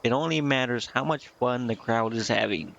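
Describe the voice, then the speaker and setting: Gravelly yet fairly bright, his medium-pitched voice moves at a moderate pace as he reads a game's dialogue aloud during a stream. He adds casual remarks and sometimes fumbles a line, then corrects it. Game music sits in the background of the dull audio.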